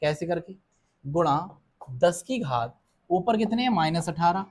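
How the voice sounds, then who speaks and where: A male physics teacher giving a classroom lecture, asking the class questions and answering them himself, reading numbers out slowly and often checking in with a quick okay. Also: on the high side, animated, slight background noise. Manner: reads numbers out slowly and deliberately. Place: classroom with students present.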